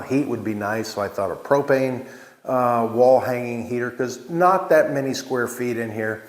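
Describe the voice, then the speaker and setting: A man talking casually and unscripted as he hosts a walk-through vlog, explaining things in a plain-spoken, halting way. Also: mid-range voice. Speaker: vlog host, small farm winemaker. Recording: echoey bare room or open space.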